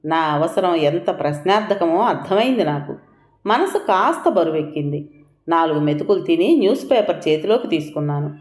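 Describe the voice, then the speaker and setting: A woman narrating a scripted first-person audio story in a reflective, measured way. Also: fairly low pitch, lively intonation, a little mellow. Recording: echoey room.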